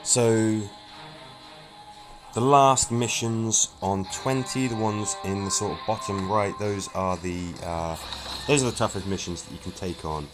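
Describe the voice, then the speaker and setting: A low-pitched man talks his way through a turn-based game in an easy, chatty let's-play style. He thinks aloud, stumbles over a word now and then, and clear game music plays behind him. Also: fairly even intonation, unhurried, low-quality recording. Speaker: gaming streamer. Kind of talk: casual let's-play commentary.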